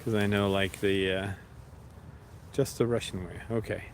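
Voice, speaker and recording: A man chatting casually with viewers on a livestream, relaxed and rambling, talking to his pets now and then. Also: lowish voice, moderate pace, a little hiss or hum.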